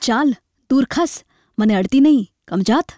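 A woman reading a story aloud, voicing a poor, starving village man who is proud, bitter and quick to lash out in scornful outbursts. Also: high voice, animated, mellow, dry recording, studio quality.

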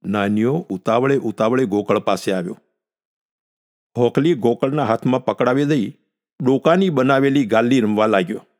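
A man calmly narrating a village short story in a measured reading voice. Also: medium pitch.

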